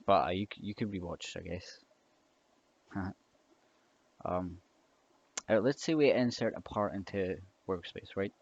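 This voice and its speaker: Young guy walking through code slowly, lowish voice, lots of ums and restarts, muffled lo-fi mic with typing clicks. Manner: hesitant, rambling with many fillers and restarts. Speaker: scripting tutor. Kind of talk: casual screen-recorded coding tutorial. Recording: dull lo-fi mic with keyboard clicks. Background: typing and mouse clicks.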